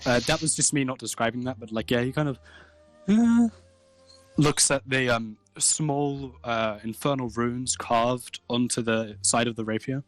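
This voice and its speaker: A man narrating as game master over voice chat, casual and halting, with many fillers as he describes the scene. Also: mid-range voice, expressive, soft background music, low-quality recording. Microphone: voice chat mic.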